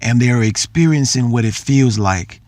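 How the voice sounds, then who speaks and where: A man's voice: mid-range voice, normal speed, darkish tone, dry recording, studio quality. A middle-aged man telling a personal story in an earnest talk, repeating phrases for emphasis. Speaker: speaker.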